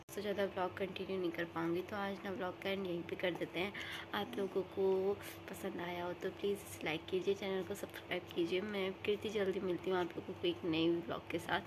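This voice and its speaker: A woman vlogger with a cold, talking softly and tiredly to the camera at home. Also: level tone, fairly quick, noisy background. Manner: soft, tired and low-key. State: sick with a cold. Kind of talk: casual vlog talk to camera. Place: at home indoors.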